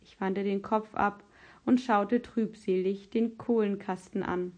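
A woman reading a storybook aloud in a calm, measured way. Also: medium pitch. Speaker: narrator. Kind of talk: scripted storybook narration.

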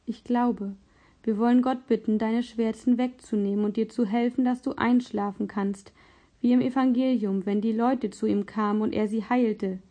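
A thoughtful young boy speaks gently and earnestly, with a warm, mellow tone that sits fairly high, as a woman reads him aloud. His words are calm, a little halting, in a storybook reading. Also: lightly acted.

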